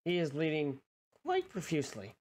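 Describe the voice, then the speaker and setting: High-pitched young man, sweary gaming commentary. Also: huge pitch swings, normal speed, a little mellow. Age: young adult. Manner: sweary, sarcastic. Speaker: gaming streamer. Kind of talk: casual gameplay commentary. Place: small bedroom-like room indoors.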